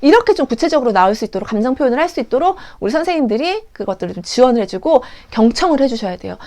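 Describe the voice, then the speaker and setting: Lively, earnest woman teacher lecturing. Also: sits high, rapid-fire. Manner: earnest, instructive, acts out classroom examples.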